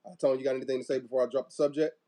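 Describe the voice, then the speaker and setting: An easygoing man hosts a church talk show from a video call. His talk is loose and rambling, full of "uh" and "um". The voice sits at an ordinary middle pitch. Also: rapid-fire. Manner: relaxed, rambling, many fillers. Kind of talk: casual live-stream chat.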